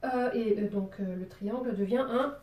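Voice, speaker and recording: A woman's voice: medium pitch, normal speed, mellow, far from the mic. A woman with a Marseille accent giving a drawing lesson in a chatty, playful way, full of fillers. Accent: southern French (Marseille). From Marseille, southern France. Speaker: drawing teacher. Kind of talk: drawing tutorial. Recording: roomy sound, voice away from the mic.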